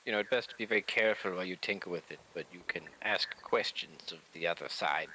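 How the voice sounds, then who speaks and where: A man's voice: sits low, fast talker, pushed and bright, a little hiss or hum, rough recording. A man voicing a sleazy, ingratiating salesman with a posh English accent in a tabletop game. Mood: smooth caution. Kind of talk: tabletop role-play.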